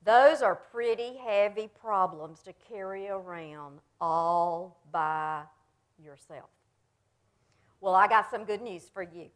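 A woman leading a children's sermon, talking gently and plainly to the kids in front of her and coaxing them along. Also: medium pitch, slow. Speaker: pastor leading a children's message.

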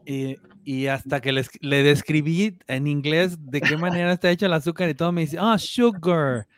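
A man with a Mexican accent, a guest in a casual interview, telling stories in a lively way and often repeating words as he thinks. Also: fairly high pitch, brisk, dry recording, studio quality. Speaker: guest, opera tenor.

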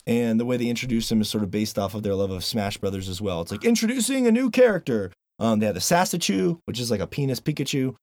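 A man hosts a casual podcast, talking fast with few pauses in a mid-range voice and no room sound. He chats loosely and animatedly, swears now and then, and reads a sponsor plug.

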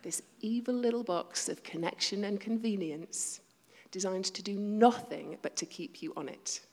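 At medium pitch and a moderate pace, a woman preaches to her congregation in a chatty way, teasing herself and lowering her voice for hushed asides. The recording has a long hall reverb.

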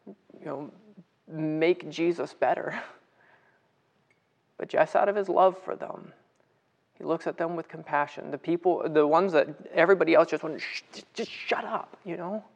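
A man's voice: a little high, fairly even intonation, measured pace, vocal fry, pauses often. A man leading a casual livestream Bible study, chatting with viewers, greeting them by name and asking them questions.

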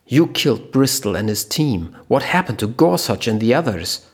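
A man's voice: medium pitch, very animated, moderate pace, husky. A man doing a defiant, angry captive. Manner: sarcastic and defiant. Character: defiant angry male captive loading master.

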